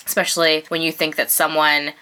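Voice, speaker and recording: A woman's voice: sits low, little pitch movement, fairly quick, sharp tone. A woman co-hosting a casual podcast, reading a listener's letter and giving blunt, slangy advice with plenty of swearing. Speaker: podcast co-host.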